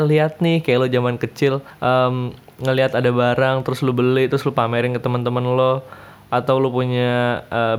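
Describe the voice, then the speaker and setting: Young indonesian guy, rambling opinionated talk, mid-pitched voice. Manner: chatty, opinionated, slangy with many fillers. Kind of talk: casual monologue.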